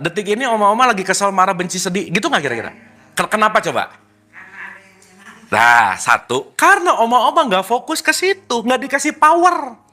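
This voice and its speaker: Lively man teaching a group. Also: sits high. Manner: lively, teasing, full of rhetorical questions. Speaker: spiritual teacher. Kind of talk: informal spiritual talk to a group.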